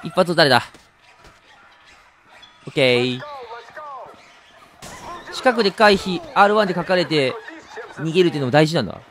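A man giving chatty, excitable let's-play commentary while playing a video game, laughing often. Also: fairly high pitch, moderate pace, long pauses. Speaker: game streamer.

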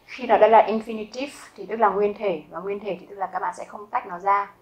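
A Vietnamese woman teaching a German grammar lesson, explaining step by step, asking her learners questions and saying example sentences slowly twice. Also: mid-range voice, fairly even intonation, poor audio. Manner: asks learners rhetorical questions.

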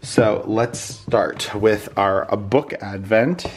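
A cold has this American vlogger in his thirties congested, his voice giving out, yet he chats casually from home. He speaks very slowly in a lowish voice against a noisy background, captured by a handheld phone or camera at arm's length.

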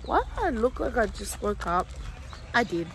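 A young adult woman chatting informally to a vlog audience in a drowsy, low-key way, on a handheld phone. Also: very animated, moderate pace. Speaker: vlogger. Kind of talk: casual vlog chat. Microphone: phone at arm's length. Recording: noisy handheld phone recording, ambient sounds.

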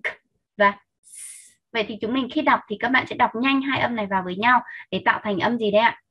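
Cô giáo giọng khàn dạy tiếng Anh. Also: female voice, a little high. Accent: Vietnamese. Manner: patient, slow and clear, repeating sounds for children. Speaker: English teacher. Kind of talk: online vocabulary lesson. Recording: dull lo-fi sound.

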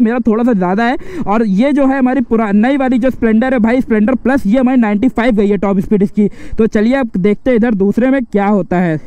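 A young man from India, giving excited commentary while riding a motorcycle on a highway, often calling out to his brother. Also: smooth. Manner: excited, shouting over wind, repeats "bhai". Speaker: motovlogger. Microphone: action camera on the bike. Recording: loud wind and engine noise.

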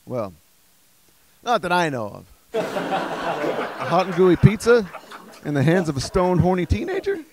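A man's voice: sits high, sing-song, measured pace, long pauses, rough recording. A man doing stand-up comedy, exasperated and ranting through strings of rhetorical questions.

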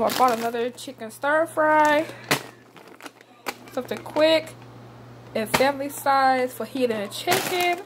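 Young woman vlogger rambling through her grocery haul, kinda high voice, phone cam in the kitchen, noisy background. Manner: casual, chatty, addresses viewers as y'all, lists items with many fillers. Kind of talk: casual grocery haul walkthrough. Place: home kitchen, indoors.

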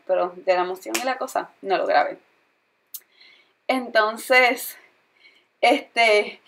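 A young woman chatting casually through a storytime vlog, retelling things in an animated way with lots of fillers. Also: mid-range voice. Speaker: vlogger.

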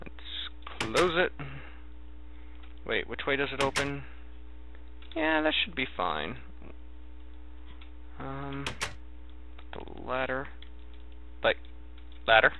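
A man giving casual, halting game commentary, thinking aloud as he plays. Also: medium pitch, very animated, gravelly, noisy background. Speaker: gamer narrating a let's play. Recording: thin, narrow phone-like sound.

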